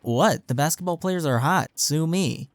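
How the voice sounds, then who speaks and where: A young man, sounding like a young adult, acts as a caring best friend from college, addressing a single listener casually and earnestly while teasing playfully. The mood is playful and chatty. His voice runs on the high side at a measured pace, recorded very dry with no room sound in this intimate audio roleplay.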